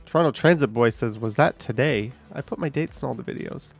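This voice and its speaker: A man in his thirties goes through viewer comments during a casual live-stream chat, reading them out and adding dry asides. His middling-pitched voice is gravelly with a fry edge, he talks fairly quickly, and faint music plays beneath him.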